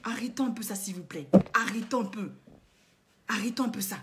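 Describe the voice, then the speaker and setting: Through a very noisy recording, a woman's medium-pitched voice comes across brisk. As a vlogger and coach, she lectures her viewers indignantly in a passionate moralizing monologue, packed with emphatic rhetorical questions and repetition.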